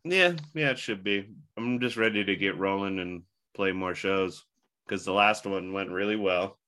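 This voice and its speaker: Lower-pitched man with a bright voice, hiccuping. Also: moderate pace. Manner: rambling, loose, jokey. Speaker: podcast host. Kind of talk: casual chat.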